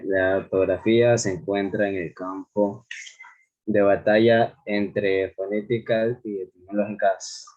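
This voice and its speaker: A man presenting to his class, reading haltingly with pauses and restarts. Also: lowish voice, darkish tone. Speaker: student presenter. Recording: dull lo-fi call audio.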